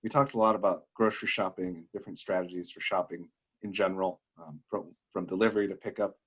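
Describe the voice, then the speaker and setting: Young man, husky and low, chatty co-host voice full of fillers. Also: fairly even intonation, quick pace, a bit bright, highs cut off. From Wisconsin. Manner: chatty storyteller, many fillers. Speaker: podcast co-host. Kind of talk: casual chat.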